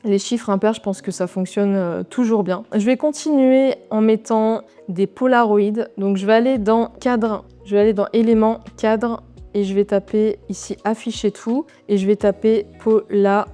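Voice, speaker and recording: A woman talking through a design software tutorial step by step, with relaxed, chatty asides as she works. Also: medium pitch, moderate pace, soft background music. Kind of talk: screen-recorded software tutorial.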